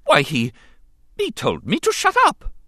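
Anxious butler robot, put on by a male storybook narrator: fussy, exclaiming, pitched well above his own low voice, in a dry close recording. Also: wildly swooping pitch, unhurried, pushed and bright, slightly rough, no echo, heavily acted. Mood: startled. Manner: prim, fretful and exclaiming. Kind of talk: audiobook reading.

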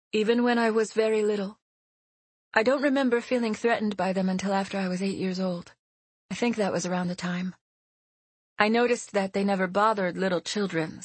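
A woman reading as a frightened, earnest young woman who talks quickly and anxiously. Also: mid-range voice, husky, no echo, close to an everyday voice. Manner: anxious, tumbling out words.

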